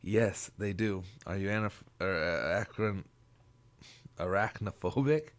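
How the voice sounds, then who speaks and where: A man with a fairly low voice chats casually as a podcast co-host. He talks in a halting way, circling back and repeating words as he goes, in a joking, conversational style. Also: animated. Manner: halting, repeats himself with frequent 'like'. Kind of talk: casual chat, joking banter.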